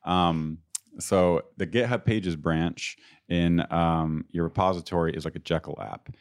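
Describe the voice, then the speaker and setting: Very low-voiced, unhurried man chatting. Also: steady tone. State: getting over a sickness. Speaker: podcast co-host. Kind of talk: casual tech chat.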